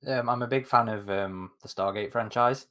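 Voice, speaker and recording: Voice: medium pitch, steady tone, a little fast, sharp tone. A podcast co-host who laughs often and chimes in with short remarks. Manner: laughs often, brief interjections. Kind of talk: casual podcast interview.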